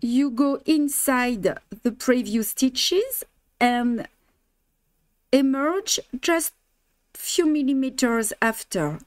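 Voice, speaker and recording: Slow, patient embroidery teacher, a woman. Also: high voice, lively intonation, dry recording. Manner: patient step-by-step instructions with many fillers; chatty, greets and answers viewers' comments. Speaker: embroidery teacher hosting a live stream. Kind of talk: live craft demonstration, switching languages.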